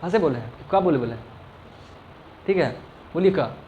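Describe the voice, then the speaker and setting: In a classroom grammar lesson, a man with a higher-pitched, expressive, slightly mellow voice speaks at a moderate pace. He asks the same question repeatedly, stretches sounds to illustrate them, and often checks comprehension. The recording has its highs cut off and slight background noise.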